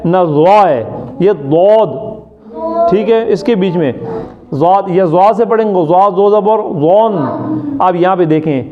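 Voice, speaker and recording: A man's voice: high voice, a crowd in the background. A man from Pakistan teaching Quran recitation in class. He drills each sound by repeating it, quizzes his students and keeps checking that they follow. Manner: often checks understanding with "ٹھیک ہے؟". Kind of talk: classroom lesson. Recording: muffled lo-fi recording.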